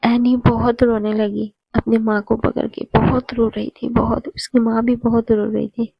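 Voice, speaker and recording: Woman storyteller, kinda high flat voice, dry close sound. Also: measured pace, vocal fry, breathy edge, no echo, dull audio. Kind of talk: storybook narration.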